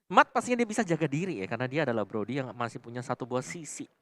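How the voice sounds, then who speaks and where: A man's voice: mid-range voice, big pitch swings, very fast. A man giving analytical commentary on an esports match as a caster.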